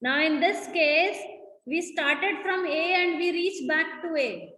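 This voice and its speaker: A woman's voice: very high-pitched, takes it slowly, bright, forceful tone. A woman with a North Indian accent teaching a school lesson, mixing English and Hindi, repeating key points and checking that students follow. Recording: echoey, reverberant room sound.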